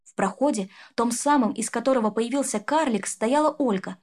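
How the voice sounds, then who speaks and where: A woman narrates a fairy tale for an audiobook. Her voice sits fairly high and she reads in a measured, expressive way. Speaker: audiobook reader. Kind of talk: storybook narration.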